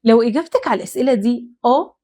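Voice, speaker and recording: A woman's voice: on the high side, rapid-fire, dark tone. A young adult woman with an Egyptian accent, hosting an advice talk and speaking earnestly and emphatically, straight to the listener. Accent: Egyptian Arabic. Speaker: host. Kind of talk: direct-to-camera advice talk.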